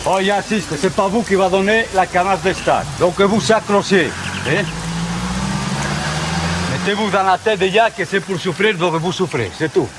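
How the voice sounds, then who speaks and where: A man in his forties from Spain with a Spanish accent, a military instructor who talks like a drill sergeant, goading trainees with curt questions and blunt orders. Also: normal speed. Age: 40s. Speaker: Foreign Legion chief warrant officer, instructor. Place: outdoors on a training course. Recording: noisy outdoor field recording with vehicle rumble.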